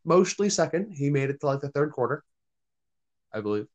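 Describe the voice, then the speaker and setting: A man's voice: a little high, big pitch swings, brisk, darkish tone. A man co-hosting casual sports banter over a group voice chat, making his points in a matter-of-fact way. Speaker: sports podcast co-host. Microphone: remote voice chat call.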